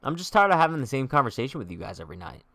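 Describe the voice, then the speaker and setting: A man's voice: mid-range voice, sing-song, racing, vocal fry, pushed and bright, no room sound, studio quality. A young man hosting a live-stream sports chat, trash-talking in a joking way, heavy on slang, and reading viewer comments aloud. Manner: slangy, says "bro" a lot. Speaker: sports show host.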